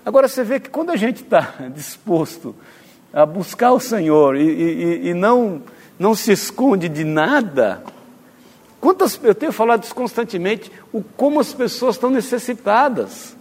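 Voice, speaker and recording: A man preaching a sermon with a notably high voice. He speaks earnestly to his congregation and now and then stumbles and restarts a word. His voice rings out with a long echo through a large church hall. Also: lively intonation, moderate pace. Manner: earnest, addresses congregation directly, stumbles on words. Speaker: pastor.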